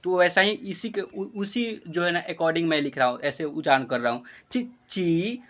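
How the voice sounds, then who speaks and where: A man teaching Hindi script in a classroom lesson, drawing out syllables in a slow chant and checking that the children follow. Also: fairly high pitch, fairly even intonation, fairly bright tone. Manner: instructive, checks understanding with the class.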